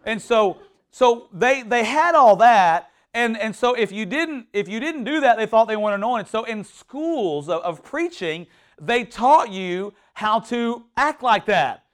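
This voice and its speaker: A man preaching a sermon in an animated, conversational way, with frequent restarts and bursts of mock shouting. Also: high-pitched, a little slow. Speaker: pastor.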